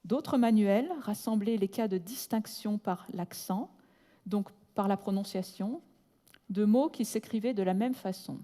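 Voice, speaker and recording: A woman reading a prepared academic lecture at a measured, deliberate pace, slowing down to spell out technical terms. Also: mid-range voice, warm tone. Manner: breaks off with brief asides in English. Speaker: conference speaker. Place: large lecture hall. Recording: long hall reverb.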